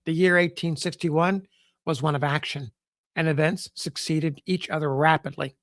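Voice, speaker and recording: A man's voice: a little high, fairly even intonation, a bit bright, dry recording. Man reading aloud, dry close sound. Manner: measured, formal reading with occasional stumbles. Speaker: podcast host. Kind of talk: reading a period newspaper sketch aloud.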